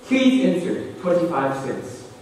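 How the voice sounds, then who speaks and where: A man playing an automated pay phone voice, talking in choppy spliced-together recorded prompts whose words jump in pitch. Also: very animated, unhurried, a little mellow. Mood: stubborn. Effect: choppy spliced-together recorded prompts, words jumping in pitch. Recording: echoey hall, voice from far off, faint hiss.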